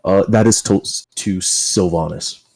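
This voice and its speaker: A man running a tabletop role-playing game as dungeon master, relaxed, explaining the rules and thinking aloud. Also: low-pitched, a little slow, gravelly.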